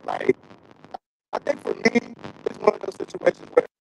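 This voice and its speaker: A man's voice: sits high, animated, moderate pace, background noise. Man breaking up on a bad connection. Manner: opinionated, casual. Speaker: podcast co-host. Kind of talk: casual wrestling chat.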